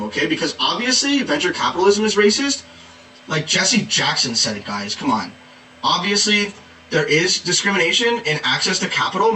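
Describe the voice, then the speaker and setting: A man voicing a preachy, exasperated activist in valley-speak, dropping "like" into every phrase. The voice is fairly high and bright, bouncing up and down in pitch. It sounds roomy and a little distant from the mic. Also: slight background noise. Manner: valley-speak with constant "like" and "duh", sarcastic. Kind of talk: satirical character monologue.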